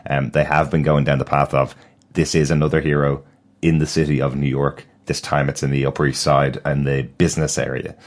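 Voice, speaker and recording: A man with an extremely deep voice chatting casually. He sounds keen and a little wry as he runs through example after example. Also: flat delivery, a little fast. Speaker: podcast co-host. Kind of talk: casual chat.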